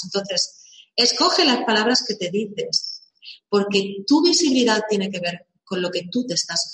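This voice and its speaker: A woman's voice: mid-range voice, fairly bright tone. A woman giving a motivational live talk, asking rhetorical questions and repeating words for emphasis. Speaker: live session speaker on visibility. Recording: roomy echo.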